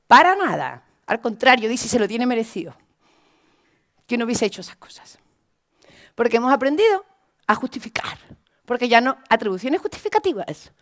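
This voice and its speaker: Animated woman lecturer telling classroom stories. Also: a little high. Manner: animated, expressive storytelling, emphatic repetition. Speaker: lecturer training teachers. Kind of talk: lecture with anecdotes.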